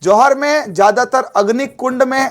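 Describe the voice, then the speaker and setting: Animated high-voiced male teacher. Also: normal speed. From Rajasthan. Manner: animated, asks the audience questions, mixes English words. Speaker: exam coaching teacher. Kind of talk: classroom lecture.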